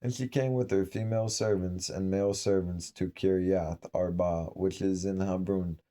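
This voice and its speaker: Solemn male scripture reader, low pitch, very mellow dark tone, measured pace with small slips. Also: steady tone. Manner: measured, solemn reading with occasional slips and restarts. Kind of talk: reading aloud from an old scripture.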